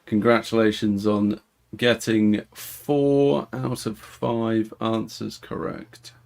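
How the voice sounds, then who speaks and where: Slow-talking male podcast co-host. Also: fairly low pitch, flat delivery, vocal fry, darkish tone. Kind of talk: casual chat.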